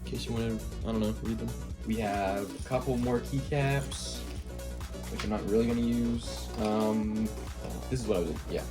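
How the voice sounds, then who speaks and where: A young man talking through a casual unboxing vlog, excitable and rambling with many fillers. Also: lowish voice, normal speed, over music. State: swollen lip. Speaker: vlogger.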